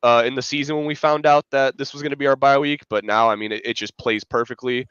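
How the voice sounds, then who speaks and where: A man with a cold sounds stuffy and congested as he rambles through casual sports podcast chat, piling on fillers and restarting often. He's a co-host and fan analyst with a medium-pitched, steady, slightly bright, smooth voice and a fast delivery. The recording is dull and has no room sound.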